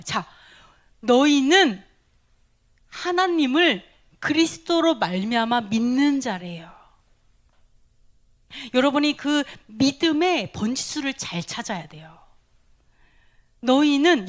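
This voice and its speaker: High-voiced woman preaching, drops to whispers. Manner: asks the listeners questions, then drops to a breathy whisper; laughs often between phrases. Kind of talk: sermon.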